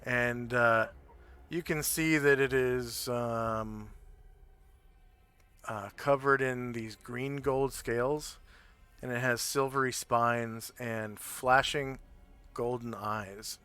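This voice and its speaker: A man improvising narration as a tabletop game master, halting and pausing to think. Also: medium pitch, fairly even intonation, bright, forceful tone, clean tone, faint music behind.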